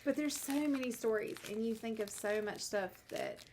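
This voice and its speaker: A woman's voice: a little high, moderate pace, background noise. Giggly rambling southern woman. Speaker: podcast co-host. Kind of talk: casual storytelling chat.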